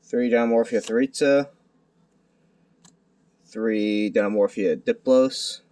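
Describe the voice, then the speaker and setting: Young male, lowish pitch, hushed night-time delivery; unscripted hobby presenter, halting and self-deprecating. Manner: halting, self-deprecating, stumbling over words. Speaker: amateur video creator presenting a card deck. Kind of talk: casual unscripted card game deck profile. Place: at home at night.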